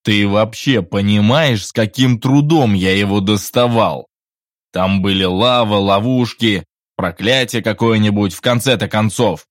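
A man voicing an enthusiastic adult male adventurer in an audiobook, loud and pleading. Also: on the low side, lively intonation, normal speed, no room sound, clean studio sound. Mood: eager. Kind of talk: audiobook reading.

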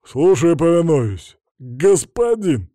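A man voicing a drunk, brash street boss with a hoarse, slurred voice in an audiobook. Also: on the high side, big pitch swings, slow pace, dark tone, dry recording, studio quality, voice pushed up. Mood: drunk, flustered. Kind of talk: audiobook character voice.

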